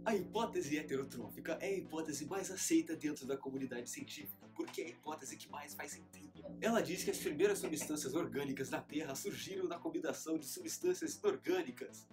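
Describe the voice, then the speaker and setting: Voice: mid-range voice, fairly quick, hardly any pauses, music in the background. A teacher host giving a playful scripted lesson in the manner of a children's show presenter.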